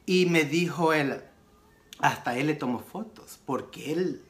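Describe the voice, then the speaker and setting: Guy doing his makeup and telling a story on camera, super animated, jumps around in pitch, drops english bits in. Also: unhurried. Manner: mixes in English phrases. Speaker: beauty vlogger. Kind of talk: casual storytelling while applying makeup.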